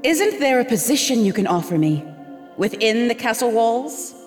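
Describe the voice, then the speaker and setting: A disguised goddess pleads and flatters in a raised, high voice. She sounds humble and tearful in a podcast audio drama, set in a room with a long, lingering reverb. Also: moderate pace, soft background music. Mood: polite. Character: disguised goddess Isis posing as a humble young hairdresser.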